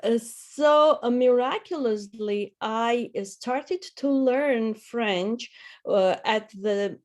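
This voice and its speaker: A woman, answering interview questions hesitantly with many pauses and fillers. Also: fairly high pitch. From Armenia. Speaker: guest.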